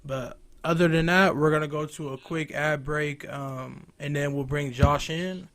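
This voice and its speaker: Casual young man hosting, slightly high voice. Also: fairly even intonation, unhurried, noisy background. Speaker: host. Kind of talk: casual live stream chat.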